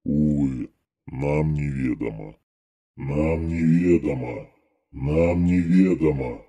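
A man voicing an ancient dead male monk in a storybook reading, slow and trembling, with a cavernous echo on the voice. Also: a bass voice, warm tone, muffled recording, pitched below the performer's own voice, exaggerated voice. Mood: mournful. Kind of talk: storybook narration.

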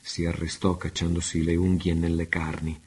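A man reading a novel aloud, measured and unhurried. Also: sits low, completely flat delivery, a little mellow, husky. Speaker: reader. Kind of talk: audiobook narration.

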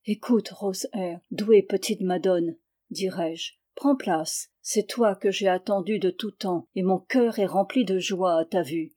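A coaxing, jovial young man from an old novel, voiced by a woman reader. The tone stays warm and mellow, close to her own reading voice, a touch raised and livelier. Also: medium pitch, unhurried, lightly acted. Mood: musing. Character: amorous young man, the storyteller himself.

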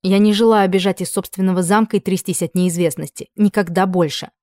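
A woman's voice: medium pitch, steady tone, fairly quick, warm tone, dry recording, studio quality, close to an everyday voice. A woman reading the part of a young noble duchess who is anxious and stubborn, with a breathless, emotional delivery.

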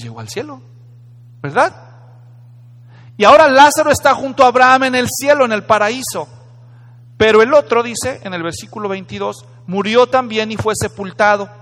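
A man's voice: high-pitched, a bit bright. A man preaching a sermon in a dramatic, conversational way, often putting questions to the congregation. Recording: echoey hall.

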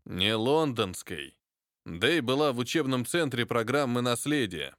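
A man's voice: medium pitch, lively intonation, measured pace, a bit bright, no room sound, clean studio sound. An actor playing a gloomy, terse male ex-special agent in an audiobook who speaks curtly and reluctantly. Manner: curt, reluctant.

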